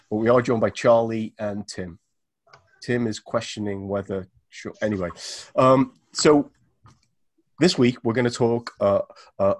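A man hosts a casual podcast, welcoming guests with self-deprecating jokes and plenty of ums. His voice has a touch of huskiness at a middling pitch. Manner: loose, self-deprecating, filler-heavy. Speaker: podcast host.

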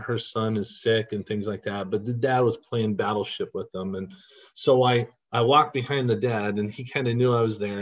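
A man's voice: medium pitch, muffled recording. A man guest on a podcast telling heartfelt stories in an earnest, at times emotional way. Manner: earnest, emotional when recounting. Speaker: podcast guest, costumed volunteer. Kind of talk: storytelling in an interview.

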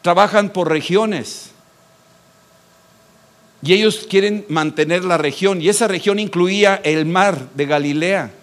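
Male pastor, sermon, fairly high voice, emphatic loud-soft swings. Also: measured pace.

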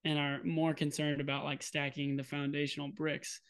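A young man co-hosting a podcast in relaxed casual chat, talking with many fillers and laughing easily. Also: fairly high pitch, normal speed, clear, resonant tone. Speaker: podcast co-host.

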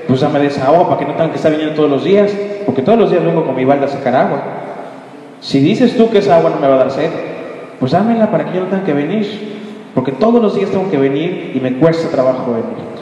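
A man's voice: fairly high pitch, slow, pauses often, mellow. A preacher voicing a proud, mocking Samaritan woman at a well, in a sermon heard from far off in an echoey hall. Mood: sarcastic.

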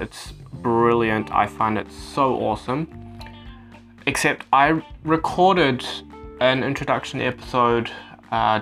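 A man's voice: mid-range voice, fairly bright tone. A young man with a New Zealand accent talking casually and earnestly as a solo podcast host into a phone voice recorder, like a personal dictaphone note. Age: young adult. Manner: earnest, reflective.

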